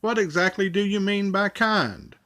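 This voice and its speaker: A man's voice: high-pitched, moderate pace, sharp tone. A man voicing a friendly, eager, kindhearted big bird in a storybook read-along, with cheering, exclamatory delivery. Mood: eager, curious.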